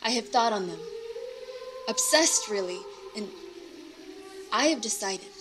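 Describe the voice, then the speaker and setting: A man voicing a young princess, raising his voice high and speaking earnestly and resolutely. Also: expressive, unhurried, music in the background.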